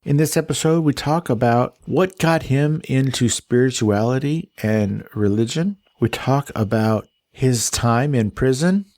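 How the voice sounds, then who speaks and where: A man from Texas hosts a casual podcast interview, teasing his guest and cracking dry jokes between questions. His voice sits at an ordinary middle pitch. The sound is close and dry, with no room echo. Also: a little mellow. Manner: joking, teasing, fast questions. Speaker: podcast host.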